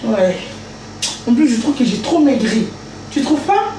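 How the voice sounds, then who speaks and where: In an echoey, noisy kitchen, a livestream host cooks at home and playfully sings and chants to herself. Her voice sits on the high side, swings widely in pitch, and moves at an unhurried pace.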